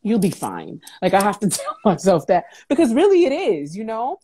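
Speaking through wired earbuds on a video call from indoors at home, this woman in her thirties is an entrepreneur and talk show host guesting on a motivational interview. Her mid-range voice is slightly rough and paced moderately, and her manner is casual, animated and emphatic.

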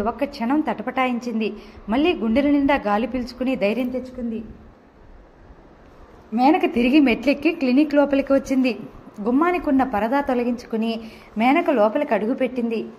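A woman narrating an audio novel with steady, expressive storytelling. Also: sits high.

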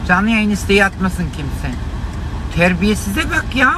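A high-pitched man scolds his viewers in an indignant, exclamatory live-stream rant, his voice gone hoarse. He talks into a phone from inside a car. Loud traffic and street noise runs underneath. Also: very animated, measured pace. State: hoarse from shouting. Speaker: livestreamer.

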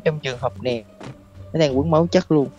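Man gamer, rapid teasing banter with frequent laughs, loud game music behind. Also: fairly high pitch, dull audio. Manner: teasing, exasperated, laughs often. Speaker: gaming partner. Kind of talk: casual banter while gaming.

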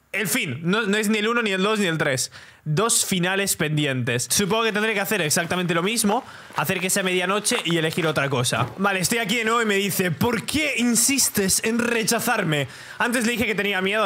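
A man's voice: high voice, bright, forceful tone, slight background noise. A young man with a Spain Spanish accent, playing a game and chatting aloud as he reads its text and reacts. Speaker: gaming YouTuber. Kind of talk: let's play commentary. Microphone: studio desk mic.

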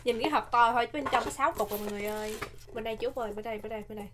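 A woman's voice: a little high, fairly even intonation, racing. A young woman with a Southern Vietnamese accent, casually chatting as co-host of a snack tasting, jokey and given to repeating phrases. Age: young adult. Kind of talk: casual mukbang chat. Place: small indoor set with curtained backdrop. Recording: background noise with clicks.

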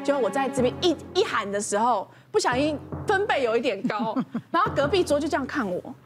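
A woman's voice: sits high, sing-song, brisk, music in the background. A woman on a talk show panel, telling a family story and acting out her own scolding lines.

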